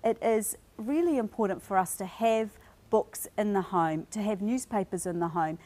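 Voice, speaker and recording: A woman's voice: mid-range voice, moderate pace, mellow. Earnest woman explaining as an interview guest. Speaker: guest parent and reading advocate. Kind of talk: studio interview talk.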